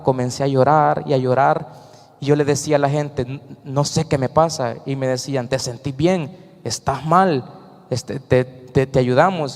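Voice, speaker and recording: Salvadoran man, slightly high voice, earnest church testimony, reverberant hall. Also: creaky, darkish tone. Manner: earnest, storytelling with acted quotes. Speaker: church member giving testimony. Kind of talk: emotional personal testimony to a congregation.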